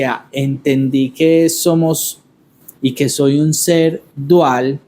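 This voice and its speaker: A man in a reflective conversation, speaking at an ordinary middle pitch. He talks thoughtfully and haltingly, restarting phrases and circling back to his words before he goes on. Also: warm tone. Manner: thoughtful, halting, repeats words while searching. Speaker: podcast host.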